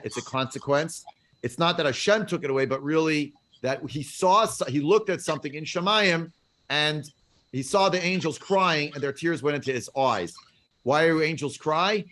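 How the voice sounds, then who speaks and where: A man's voice: fairly high pitch, moderate pace, a bit bright. A man teaching a Bible class over a video call, digressive, full of fillers and rhetorical questions. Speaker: Torah teacher.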